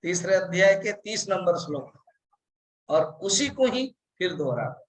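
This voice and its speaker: A man, a monk, giving a scripture discourse and slowly reciting verses before explaining them. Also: high voice, big pitch swings, rough recording. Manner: slow, deliberate explanation with drawn-out recited verses. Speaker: monk teacher.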